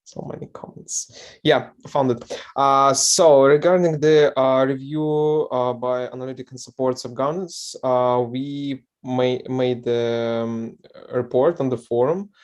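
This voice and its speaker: Slow, halting man on a video call. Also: mid-range voice, steady tone. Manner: halting, many filler sounds. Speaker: community member giving a report. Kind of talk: online meeting report.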